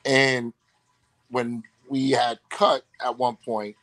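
A man's voice: medium pitch, slow pace. A man, an actor telling stories in a casual interview and acting out the lines he quotes. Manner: animated storyteller, acts out quotes.

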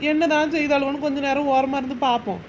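Woman voicing a spiteful village woman, sarcastic, raised pitch. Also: fairly even intonation, fast talker, a little hiss or hum, close to an everyday voice. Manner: sarcastic muttering asides. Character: sly grumbling village woman, scheming and spiteful. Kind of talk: cartoon voice acting.

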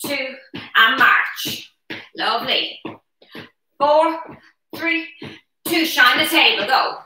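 A woman coaches a workout in a high voice, counting reps in short, energetic cues. Her delivery is unhurried, with slow gaps between encouraging calls. She is recorded a little way from the microphone in a strongly echoing room. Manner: energetic, encouraging while exercising. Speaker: aerobics instructor leading chair exercises. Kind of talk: live fitness class coaching. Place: brick-walled living room at home. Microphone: camera a few metres away. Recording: roomy echo, distant camera microphone.

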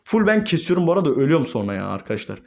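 A young man, a gaming YouTuber, commentating his own gameplay and swinging between calm murmurs and excited shouts. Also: on the high side, racing, creaky.

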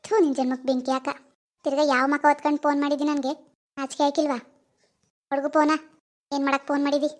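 A woman's voice: high-pitched, level tone, natural voice. A woman voicing an angry middle-aged village mother who scolds her son with insults in a cartoon. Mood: furious scolding. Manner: scolding, insulting, rapid-fire rebukes. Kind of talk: cartoon voice acting.

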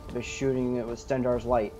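Roleplaying an adventurer in a video game, a man gives in-character commentary on his gameplay. His medium-pitched voice is flat and brisk, and it sits over the game's music.

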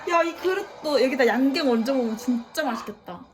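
A young woman vlogging in casual chat, gushing with excited exclamations over gifts. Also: sits high, brisk.

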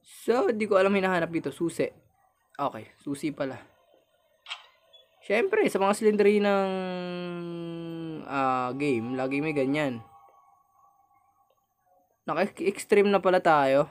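A man's voice: fairly high pitch, expressive, slow, long pauses. Jumpy young Filipino gamer man. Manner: jumpy, shouts and laughs when startled, chatty with viewers. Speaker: gamer playing a horror game. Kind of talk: casual horror gameplay commentary.

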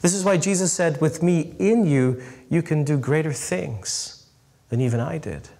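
Delivering a sermon to a live crowd, a middle-aged priest speaks with a slightly high voice touched by vocal fry. Lively emphasis colors his stories, while he slows down to make his central points stick.

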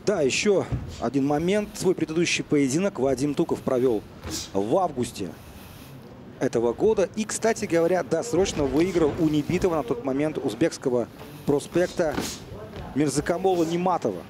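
A man with a slightly high voice commentates live on boxing. He talks analytically and conversationally over loud arena crowd noise. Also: expressive, normal speed.

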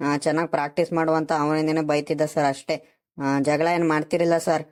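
A woman's voice: low-pitched, little pitch movement, brisk, darkish tone, close to an everyday voice. A woman voicing an apologetic young schoolboy in a cartoon, explaining himself in a rural Karnataka Kannada accent. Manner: explaining, pleading. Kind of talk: cartoon voice acting.

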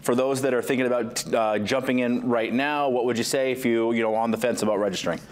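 A man's voice: medium pitch, steady tone, fast. A man in his thirties anchoring a local news broadcast, asking a guest questions in a conversational way with frequent "uh"s, on a lapel mic in a studio. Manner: conversational, filler-heavy questions. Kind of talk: live TV studio interview.

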